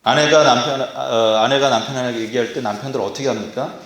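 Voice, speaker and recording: A man preaching a sermon to a congregation, animated, acting out scolding parents in a raised voice. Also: mid-range voice, a little fast. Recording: echoey hall.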